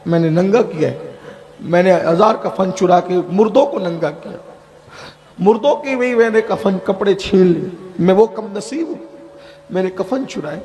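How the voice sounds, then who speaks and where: A remorseful young man pleads in a lowered, broken tone, repeating his confessions over and over, as a preacher voices him. His words sound desperate and ashamed. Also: a little mellow, lightly acted. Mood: confessing. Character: weeping remorseful young male sinner.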